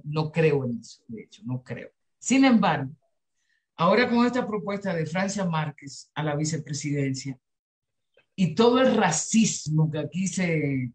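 A woman's voice: fairly low pitch, darkish tone. A middle-aged woman with a Caribbean Spanish accent answering in an unscripted discussion on a video call, reflective and emphatic, often adding short tag questions. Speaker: invited speaker at a webinar. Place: indoor room on a video call.

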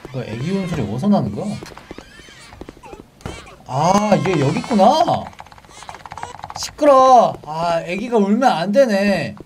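A young man commentating a horror game for viewers, chatty and excitable, yelping and shouting when the game spooks him. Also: high-pitched, slow, pauses often, distant mic, slight background noise. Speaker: game streamer.

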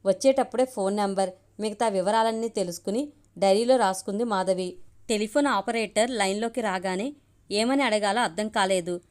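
A woman narrates a family story as an audiobook, reading steadily and evenly. Her voice sits at an ordinary middle pitch for a woman. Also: moderate pace, a little mellow.

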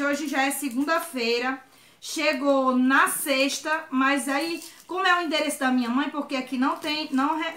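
A woman's voice: high-pitched, sharp tone, echoey room, a little hiss or hum. A woman from Ceará with a Northeastern Brazilian accent, chatting effusively and exclaiming often as she unboxes on her vlog. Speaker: vlogger.

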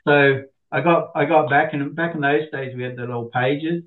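A man's voice: a little high, moderate pace. Middle-aged man, interview guest, chatty, self-deprecating storyteller, tinny phone-like line. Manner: chatty, self-deprecating, animated quoting of others. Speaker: interview guest, business owner. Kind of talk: casual anecdotal storytelling.

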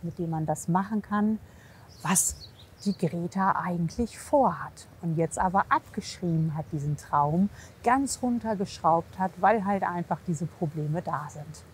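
Lowish and somewhat dark in tone, this woman's voice carries over slight background noise. As a horse physiotherapist evaluating horse and rider, she speaks casually while coaching and commenting, offering reassurance, encouragement and frequent praise.

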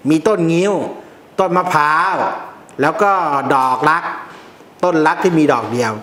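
A man's voice: a little high, fairly bright tone, reverberant. A man who teaches about amulets, explaining in a casual, blunt way with slang and jokes.

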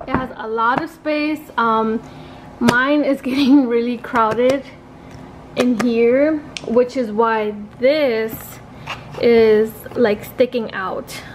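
A woman's voice: a little high, steady tone, slow, noisy background. A woman freelance makeup artist chatting casually in a vlog, full of "um" and "like". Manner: chatty, many fillers like "um" and "like".

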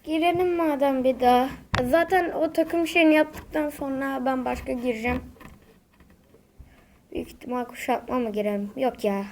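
High, mellow young woman playing games. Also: moderate pace, slight background noise. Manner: dramatic, exasperated, repeats exclamations. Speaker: gaming video creator. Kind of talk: casual gameplay commentary.

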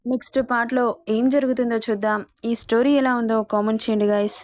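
A woman's voice: a little high, fairly even intonation, fairly quick, darkish tone, dry recording, studio quality. Woman narrating a serialized story.

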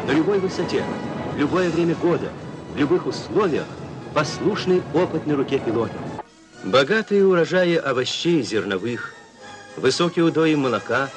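A man giving a formal, declamatory voice-over for an old newsreel. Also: a little high. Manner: formal, declamatory announcer delivery. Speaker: newsreel narrator. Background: newsreel music under the voice.

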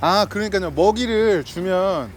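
High-voiced man coaxing dogs playfully. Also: expressive, a little slow. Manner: coaxing, playful, laughs often, talks to dogs like friends. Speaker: delivery driver vlogger. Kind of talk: casual talk to dogs and owner.

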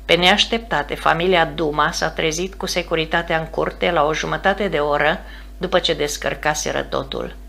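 A woman narrating an audiobook in a steady, measured reading voice. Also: low voice, creaky. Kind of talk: scripted narration.

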